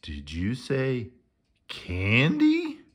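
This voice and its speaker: A man's voice: lowish voice, big pitch swings, takes it slowly, fairly bright tone, slightly rough, full character voice. A man reading Morris, a naive candy-lover. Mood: eager. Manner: wide-eyed and easily scared. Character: naive, candy-loving male friend Morris.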